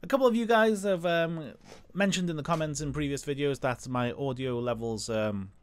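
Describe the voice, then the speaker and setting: A man hosting a gaming channel, chatting casually over gameplay in a hesitant, filler-heavy way, as if thinking out loud. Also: fairly high pitch, normal speed, clean tone.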